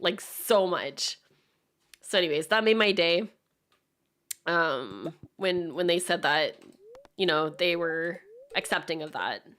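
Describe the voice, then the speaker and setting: Bright-voiced Acadian woman streamer chatting casually. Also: lowish voice, measured pace, long pauses, clean tone. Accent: Acadian Canadian. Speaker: live streamer. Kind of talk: casual chat to stream viewers.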